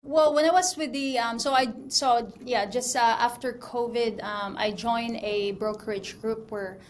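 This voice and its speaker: A Filipino woman in her thirties, a mortgage broker, talks as a guest in a casual interview, chatty and full of fillers and restarts. Her voice is on the high side, steady, and a little slow, with slight background noise.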